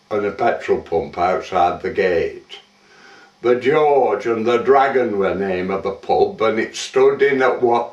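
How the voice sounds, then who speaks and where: A man reciting a comic verse monologue in a slow, measured telling. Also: medium pitch. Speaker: monologue performer. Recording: roomy, distant, muffled.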